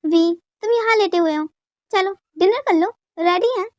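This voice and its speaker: A woman's voice: extremely high pitch, moderate pace, no echo, lo-fi sound. A woman voicing a fussing, caring mother. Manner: coaxing, fussing. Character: caring middle-aged mother.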